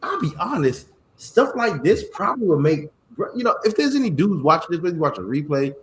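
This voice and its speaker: A man hosting a casual chat, animated and playful, reading greeting-card lines aloud, with a slight cough. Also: a little high, a little fast, echoey room. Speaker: podcast host.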